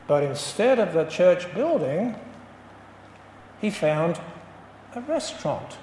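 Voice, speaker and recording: This pastor's high, unhurried sermon swings widely in pitch while staying a little mellow. He recounts his story and stresses every point, his voice ringing through a spacious church hall with a long echo and a slight hiss or hum.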